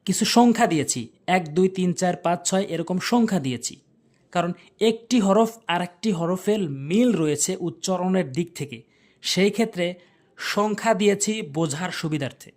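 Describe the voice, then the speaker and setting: A teacher giving a slow, step-by-step pronunciation lesson, repeating each letter sound several times and explaining it in simple terms. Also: mid-range voice, darkish tone. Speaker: Quran recitation teacher.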